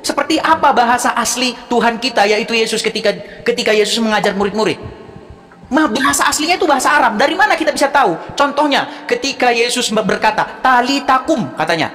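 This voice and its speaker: A woman's voice: a little high, lively intonation, quick pace, fairly bright tone, in a large hall. A woman arguing in a heated debate, mocking her opponent and hammering the same points. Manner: mocking, insistent, repeats points. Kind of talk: heated online religious debate.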